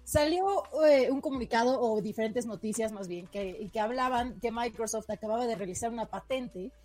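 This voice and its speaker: A woman's voice: fairly high pitch, darkish tone, faint music behind. A woman, chatting on a panel and laughing often as she tells a tech news item. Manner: laughing, chatty, quick asides. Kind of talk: casual panel chat.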